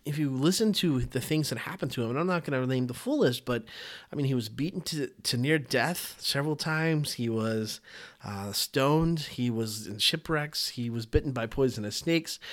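A man speaks at an ordinary middle pitch, hosting a faith podcast in a casual, unscripted way. His delivery is earnest and halting. He often restarts and repeats words as he gathers his thoughts. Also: lively intonation. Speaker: podcast host.

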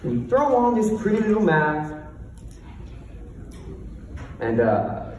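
A man's voice: sits high, big pitch swings, slow, a little mellow, highs cut off. A man giving a confident, emphatic motivational talk on stage, with a lisp that turns his R's into W's. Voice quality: lisp, cannot say R's, says w for r. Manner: emphatic, confident delivery with rhetorical questions. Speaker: motivational speaker, coach. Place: stage in a large echoing room before an audience. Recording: echoey hall from far off, faint noise.

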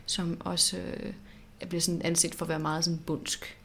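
A woman co-hosting a podcast in casual chat, animated and reflective, often repeating words as she thinks. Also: lowish voice, vocal fry. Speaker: podcast co-host.

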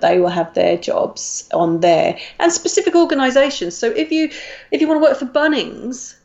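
A woman's voice: lowish voice, a little mellow, lo-fi sound. A woman with an Australian accent, a career coach giving advice in a podcast chat, talking in a chatty way with many ums and restarts. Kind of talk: podcast conversation.

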